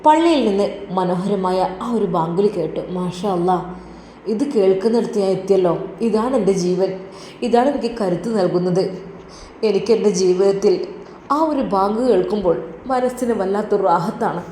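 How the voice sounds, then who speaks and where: A woman narrating a moving story with earnest emotion, her voice warm and mellow. The recording sounds roomy, with a faint hum in the background. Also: mid-range voice, normal speed.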